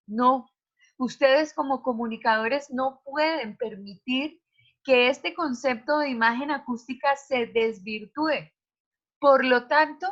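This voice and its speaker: Bright-voiced woman teaching online. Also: high voice, highs cut off. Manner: explanatory, asks students questions. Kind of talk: online class lecture. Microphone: video call.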